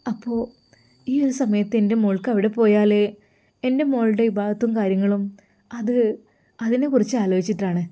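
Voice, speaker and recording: Woman voicing a pious older mother, tender, sorrowful, advising, warm mellow tone, storybook. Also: medium pitch, fairly even intonation, normal speed, long pauses, lightly acted. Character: tearful, loving older mother-in-law, pious.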